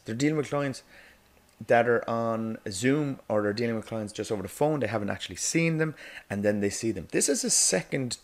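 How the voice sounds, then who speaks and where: The speaker is a male negotiation coach from Ireland with a low voice, narrating a course casually as voice-over for an animated whiteboard video. Chatty throughout, he uses frequent "okay?" and "um" fillers and laughs lightly mid-sentence.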